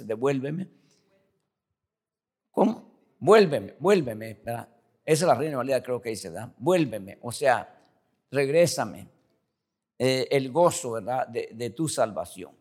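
An older man delivers a sermon as a pastor. He talks conversationally, repeats words as he goes and keeps turning to his listeners with tag questions. His voice sits at an ordinary middle pitch for a man. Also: a little mellow. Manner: addresses the congregation as brothers throughout.

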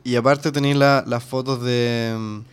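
A man offering trivia in a relaxed group conversation. His voice is clean and resonant, and he keeps a measured delivery. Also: medium pitch, smooth. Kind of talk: casual chat.

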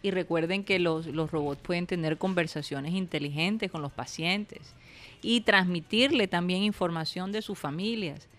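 A man with a Barranquilla accent, co-hosting a casual chat, measured and reflective. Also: sits high, fairly bright tone. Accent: Barranquilla, Colombian Caribbean coast. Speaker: podcast co-host.

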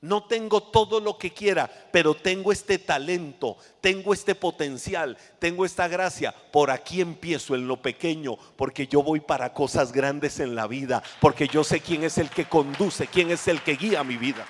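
A man's voice: fairly high pitch, moderate pace, few pauses. Emphatic male preacher in a reverberant hall. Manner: emphatic, swinging from loud to hushed, acts out scenes. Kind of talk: sermon.

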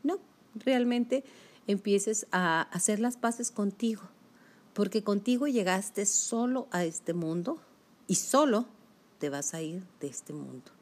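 A woman's voice: mid-range voice, animated, slow, darkish tone. A woman giving a self-help talk, speaking emphatically and straight to the listener. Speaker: motivational speaker.

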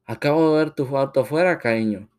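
A man's voice: medium pitch, a little fast, darkish tone, close to an everyday voice. A man voicing a middle-aged father who is caught cheating and begs his wife to stay. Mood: pleading. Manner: pleading.

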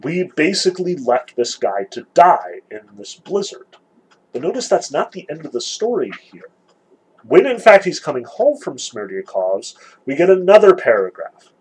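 A man lectures on a novel in a loose, conversational way, full of "like"s and "sort of"s, stopping now and then to read passages aloud. His voice sits a little high for a man and has a husky grain to it. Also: big pitch swings, moderate pace, low-quality recording. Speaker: literature lecturer.

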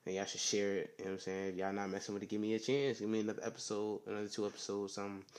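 A young man hosting a casual solo podcast, talking low in a rambling, slangy way with lots of "you know what I'm saying.". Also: flat delivery, racing, darkish tone. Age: young adult. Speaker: podcast host.

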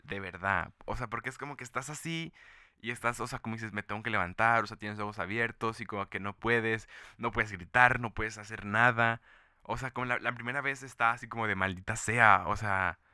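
A man's voice: medium pitch, pushed and bright, smooth, no room sound, studio quality. A young man with a Mexican Spanish accent, talking casually in a rambling monologue full of fillers and restarts. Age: young adult.

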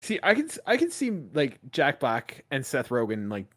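A man talking casually on a podcast from a remote call. His pitch swings widely as he talks, and he rambles, stacking fillers as he works through his thoughts. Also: normal speed. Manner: rambling, animated, lots of "like" fillers. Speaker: podcast co-host. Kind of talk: casual chat.

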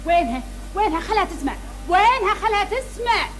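Brief: a quarrelsome wife from an old drama, very high and shrill, faint music under her. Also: big pitch swings, fast, a bit bright, full character voice. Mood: angry. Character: angry woman complaining about her mother-in-law.

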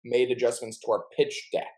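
A man's voice: mid-range voice, monotone, normal speed, darkish tone, low-quality recording. A young man co-hosting a casual chat, telling stories in a chatty, jokey way and playfully mangling words. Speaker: podcast co-host.

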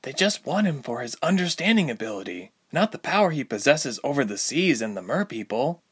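A man's voice: on the high side, lively intonation, normal speed, a bit bright, slightly rough, pitched above the performer's own voice. A cold, determined young mermaid, as a male storyteller puts her on. The voice sits well above his usual register and keeps a firm, pressing tone. It carries the clipped edge of someone pleading a warning. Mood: icy, insistent.

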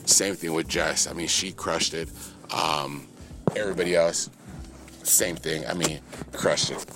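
A man's voice: unhurried, noisy background. A man coaching at a gym, recapping the day's workout for his podcast in a casual, joking way, full of fillers and playful hype. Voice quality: low monotone voice, by his own joke.

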